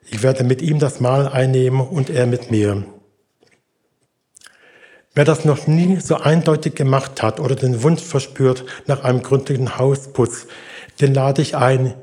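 Warm-voiced older man preaching. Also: medium pitch. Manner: earnest, encouraging, acts out story voices. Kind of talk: sermon.

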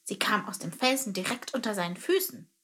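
A woman reads a children's story aloud in a calm, even storytelling manner. Her voice sits at an ordinary middle pitch for a woman. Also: brisk. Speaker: narrator. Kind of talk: scripted narration of a children's story.

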